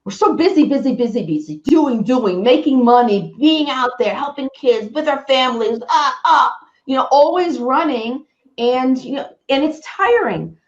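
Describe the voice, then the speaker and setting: Lady telling her story on a webinar call, higher voice, keeps restarting lines, echoey dull audio. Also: expressive, moderate pace. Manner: earnest, self-interrupting storytelling with frequent restarts. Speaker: webinar presenter. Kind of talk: personal story and health talk.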